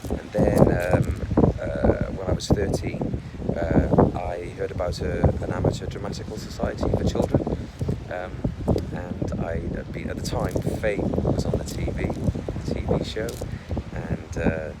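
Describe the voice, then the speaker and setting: A man's voice: sits low, steady tone, a little slow. A middle-aged man talking casually to camera about his life, hesitant, with many fillers and restarts. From Wales. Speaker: vlogger. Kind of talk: casual personal talk to camera. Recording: loud wind noise over the mic.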